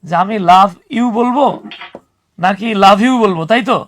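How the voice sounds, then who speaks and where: A young man teaching spoken English in an online class, lively and teasing, explaining patiently with examples. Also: high voice, moderate pace.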